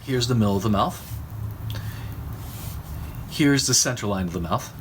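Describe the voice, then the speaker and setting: A man explaining how to draw eyes and mouths, talking while he sketches and pausing between phrases. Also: lowish voice, expressive, background noise. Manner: explanatory, talks while drawing, pauses mid-phrase. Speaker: drawing instructor. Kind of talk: recorded art lesson.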